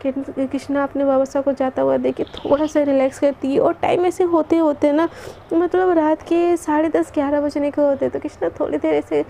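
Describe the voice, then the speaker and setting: A woman's voice: sits high, steady tone, normal speed, vocal fry, dark tone, a little hiss or hum. A young woman telling a love story in a casual, rambling way, with many fillers. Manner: chatty, rambling, filler-laden narration.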